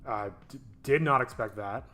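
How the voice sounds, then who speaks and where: Editing his own animated show, a man muses out loud, questioning himself in a casual and occasionally profane way. His voice is medium-pitched, his pace moderate, and background noise can be heard.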